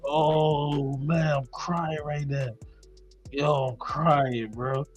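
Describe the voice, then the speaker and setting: A man's voice: on the high side, flat delivery, very slow, soft background music. A man co-hosting a casual sneaker podcast, reading viewer comments and laughing at them.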